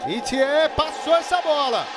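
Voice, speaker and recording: A Brazilian man doing baseball play-by-play as an excited home run call, with shouted, drawn-out phrases. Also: extremely high pitch. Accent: Brazilian Portuguese. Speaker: sports play-by-play commentator. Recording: loud stadium crowd behind the voice. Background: roaring stadium crowd.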